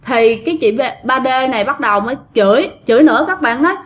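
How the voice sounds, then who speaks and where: A woman's voice: a little high, fast. A woman with a Southern Vietnamese accent, casually retelling a ghost story and chatting directly to her listeners.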